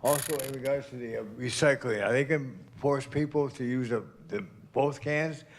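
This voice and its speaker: Male questioner, informal, very creaky mid-pitched voice. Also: fairly even intonation, moderate pace. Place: indoor council meeting.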